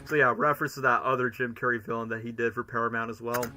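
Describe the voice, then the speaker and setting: A man's voice: mid-range voice, level tone, fast, sharp tone. A man giving casual, chatty reaction commentary as a streamer. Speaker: streamer, cosplayer.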